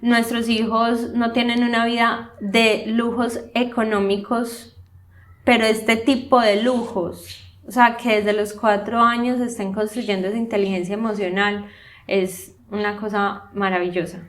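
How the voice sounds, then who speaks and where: A woman's voice: on the high side, measured pace. A woman, co-hosting a casual talk and telling a family story with lots of fillers. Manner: storytelling, animated, many fillers. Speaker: podcast co-host. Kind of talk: casual conversation.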